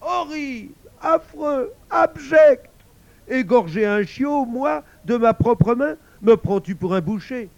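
A man's voice: extremely high pitch, very slow, creaky, few pauses, dry recording, voice pushed up, exaggerated voice. A man voicing a flustered, henpecked old scholar who pleads and wails at his wife. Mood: horrified. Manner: pleading, frantic, wailing.

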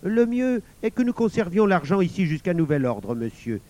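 A furious bank director, blustering and commanding, put on by a male reader. He booms at a raised, lively pitch in a storybook reading. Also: moderate pace. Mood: stern.

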